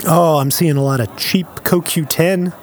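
A man co-hosting a casual, comedic podcast, playful and quick to laugh. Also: fairly high pitch, fairly even intonation, slight background noise. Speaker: podcast co-host.

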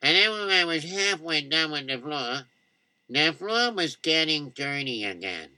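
A man voicing a muddled, timid male customer who stammers and mumbles slowly. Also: fairly high pitch, sing-song, bright, forceful tone, smooth, no echo, full character voice. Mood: confused. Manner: hesitant, stammering.

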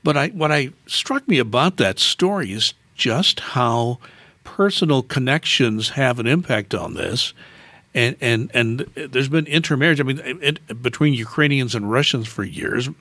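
A man hosting an interview, asking long, deliberate questions in a measured way. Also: mid-range voice, lively intonation, sharp tone, no room sound. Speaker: host. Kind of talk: radio interview.

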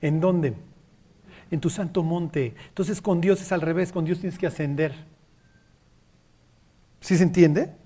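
A Bible teacher leads a group study. The speaker keeps checking that everyone follows and slips into lively acted-out voices for the scripture quotes, at an even, middle pitch. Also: unhurried, long pauses. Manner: keeps checking in with listeners, acts out biblical quotes.

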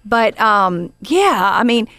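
A woman's voice: fairly high pitch, sing-song, slow, sharp tone, no echo. A woman hosting a podcast, telling a story in a casual, chatty way with lots of fillers and the odd "honey" for her guest. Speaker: podcast host.

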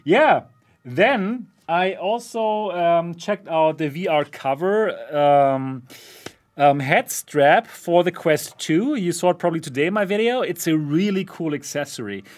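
A man with a notably high speaking voice hosts a relaxed tech chat. He keeps breaking into laughter between points, and the talk stays loose and conversational. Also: measured pace. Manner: laughs often while talking. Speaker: host of a VR channel. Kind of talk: casual podcast chat.

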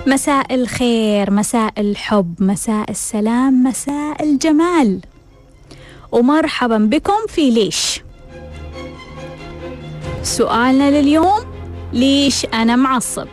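High, animated woman host. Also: a little slow, long pauses, over music. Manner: rhetorical, repeats questions and answers them. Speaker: host of a self-help show. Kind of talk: scripted self-help monologue.

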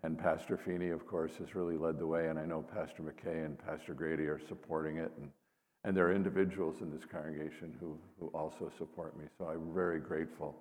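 Deep-voiced older man in reverberant church. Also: level tone, a little fast, darkish tone. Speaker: seminary professor and missionary pastor. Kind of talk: informal presentation to a congregation. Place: large indoor church space. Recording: reverberant church hall, long echo.

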